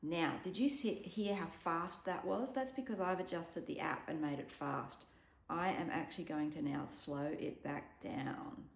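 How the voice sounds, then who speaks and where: Here an app tutorial presenter speaks in a deep, gravelly, unhurried voice, chatting her way through a demo with frequent ums. She's in a room at home with a dog nearby, and the space has an echo.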